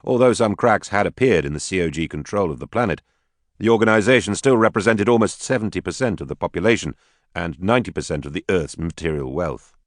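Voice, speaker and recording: A man narrating an audiobook in a steady, even reading voice. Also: deep voice, fast, dry recording, studio quality. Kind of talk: scripted narration.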